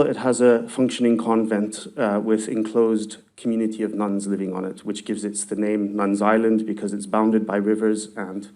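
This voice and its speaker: A man with a lowish, mellow voice, a university researcher, gives a conference presentation. He speaks hesitantly, full of ums, restarts and trailing phrases. He is not from Galway.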